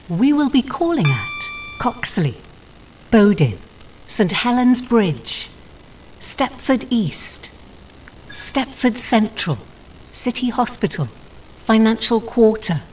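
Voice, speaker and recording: A woman's voice: on the high side, a little mellow, slight background noise, rough recording. A woman's recorded voice as a train announcer, with separately recorded phrases spliced together. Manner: formal, clipped announcement phrasing. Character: polite female train announcer. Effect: spliced-together recorded words.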